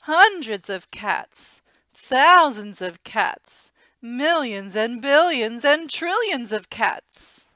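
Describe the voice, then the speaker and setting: A woman's voice: a little high, big pitch swings, very slow, bright, forceful tone, dry recording, voice pushed up, exaggerated voice. A woman voicing a kindly, very old woman from a picture book, exclaiming and emphatic. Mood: exasperated, astonished.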